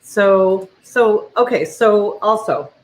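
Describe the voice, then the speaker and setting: A woman's voice: medium pitch, lively intonation, takes it slowly, a little mellow, low-quality recording. A woman co-hosting a casual online show from home over a video call, teasing and laughing her way through the banter. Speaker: co-host.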